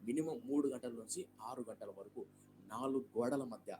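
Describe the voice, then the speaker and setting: A man voicing an elderly widow who calmly explains her husband's work. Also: medium pitch, moderate pace, background noise, natural voice.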